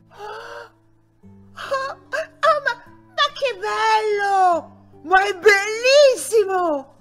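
Female storyteller for children, soft and sing-song, high with wide swings, unhurried.

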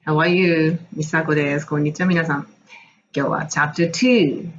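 Middle-aged woman from Japan, lively, chatty coach recounting memories; slightly dull recording with a light hiss. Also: low voice, moderate pace. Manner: animated, enthusiastic, laughs often. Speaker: English and music coach. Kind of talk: casual storytelling monologue.

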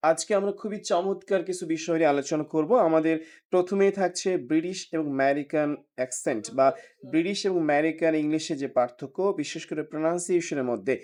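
A man from Bangladesh, teaching an online spoken English lesson and slowly repeating words for students to copy. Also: fairly high pitch, darkish tone.

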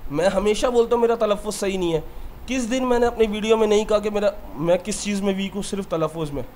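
Guy teaching english, kinda high voice, heartfelt, a little room noise behind. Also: a little mellow. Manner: earnest and heartfelt, speaks about his own mistakes. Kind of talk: motivational lesson talk.

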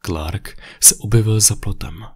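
A man narrating a creepypasta in a steady, even horror-story reading on a condenser microphone. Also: lowish voice, breathy edge. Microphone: USB condenser mic.

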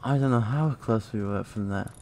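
A man's voice: fairly low pitch, moderate pace, darkish tone, a little hiss or hum. A man giving casual let's play commentary, chatty and prone to swearing. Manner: chatty, swears and laughs often. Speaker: gamer.

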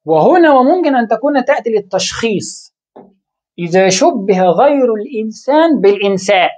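A woman teaching a lesson, asking herself questions and answering them, with halting restarts. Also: on the high side, animated, a little mellow. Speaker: Arabic grammar teacher. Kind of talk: explaining a lesson.

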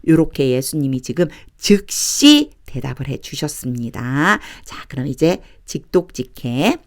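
A woman teaching a lesson on reading the English Bible, explaining grammar patiently and reading verses aloud slowly, phrase by phrase. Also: a bass voice, big pitch swings. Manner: patient, repeats and breaks sentences into chunks; reads English lines very slowly and deliberately.

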